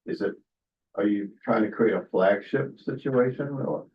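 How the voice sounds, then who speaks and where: A man's voice: lowish voice, moderate pace, lo-fi sound. A man on a community board asking hesitant, probing questions at a meeting.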